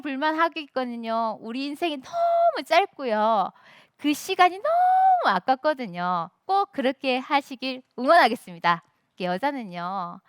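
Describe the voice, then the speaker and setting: A woman's voice: fairly high pitch, a bit bright, no echo, clean studio sound. A woman in her forties giving a motivational stage speech, emphatic and speaking directly to the audience. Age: 40s. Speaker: student speaker.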